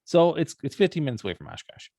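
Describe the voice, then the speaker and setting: A man's voice: on the high side, big pitch swings, fast talker, creaky, warm tone, no room sound. A young man from Wisconsin co-hosting a podcast, chatting casually and teasing with joking banter. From Wisconsin, USA. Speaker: podcast co-host. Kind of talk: casual chat.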